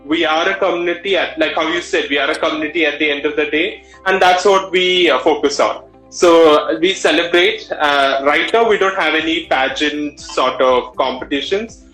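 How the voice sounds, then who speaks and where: A man's voice: a little high, moderate pace, hardly any pauses, sharp tone. A man in his thirties with a Malayali Indian English accent, talking expressively and conversationally as an interview guest. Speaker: interview guest, drag performer. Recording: roomy echo with background music.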